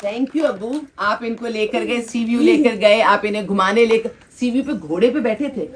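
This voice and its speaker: A woman's voice: fairly high pitch, moderate pace. A woman hosting a children's shelter gathering, coaxing and teasing the kids and leading applause. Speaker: host of a children's shelter event. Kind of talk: casual talk with children before a gathering.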